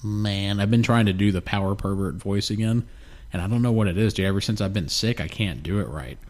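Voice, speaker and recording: A man's voice: fairly low pitch, a little fast. A man co-hosting a podcast in casual, profane, rambling chat, sounding a little snotty and nasal, close on a studio mic. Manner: laid-back, profane, rambling. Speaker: podcast co-host. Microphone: studio mic with headphones.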